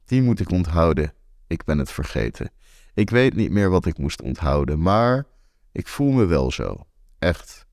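A young man telling a first-person story in a wry, deadpan way. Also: deep voice, unhurried, vocal fry, no room sound, clean studio sound. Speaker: author and narrator.

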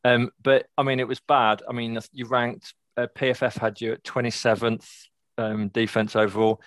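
A man hosting a casual sports podcast, relaxed and a little hesitant as he asks questions. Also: mid-range voice, moderate pace, no echo. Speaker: podcast host.

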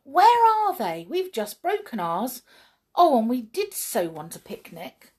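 A tiny fairy-tale brownie man, eager and pleading, with a lifted, excitable voice, as a woman reading aloud puts him on. He sounds breathy and swoops up and down as he talks. It's storybook reading, slow and lively. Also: high voice, voice pushed up, exaggerated voice. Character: small eager male brownie, pleading and puzzled.

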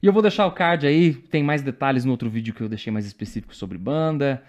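A man hosting a casual podcast chat, talkative and animated. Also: medium pitch, fast talker. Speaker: podcast host.

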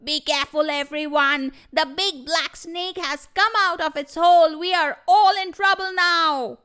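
A woman's voice: unhurried, heavily acted. A woman doing a panicky, shrieking porcupine. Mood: alarmed. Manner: shrill, panicky shouting. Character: alarmed porcupine crying a warning.

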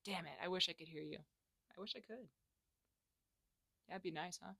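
Slangy woman, gravelly low voice. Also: moderate pace, no room sound. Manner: candid, slangy, swings from loud to hushed. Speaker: solo podcast host. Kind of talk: casual solo podcast chat. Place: small closet at home.

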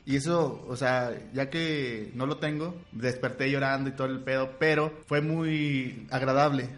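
A young adult man with a Mexican accent, telling stories in relaxed, slangy casual chat as a podcast co-host. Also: medium pitch, unhurried. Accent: Mexican Spanish.

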